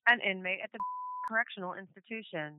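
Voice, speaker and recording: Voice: medium pitch, quick pace, dry recording. An automated recorded voice announcing a call from a correctional facility, played over a prison phone line. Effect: automated prison phone call message.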